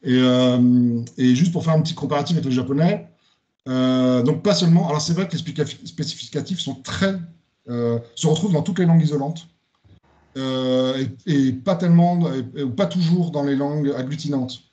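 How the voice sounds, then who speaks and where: A man presents a lecture topic in a hesitant way, with frequent fillers and self-corrections. His voice is mellow and dark. The recording sounds dull and lo-fi. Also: on the high side, moderate pace. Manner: hesitant, many "euh" fillers and restarts. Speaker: student giving a presentation.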